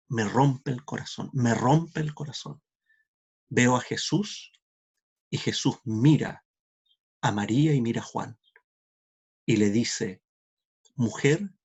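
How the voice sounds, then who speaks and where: Gravelly, husky-voiced preaching man. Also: mid-range voice. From Chile. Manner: heartfelt, earnest preaching that drops to a soft hush; quietly acts out the voices of the people he quotes. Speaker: pastor. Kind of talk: sermon.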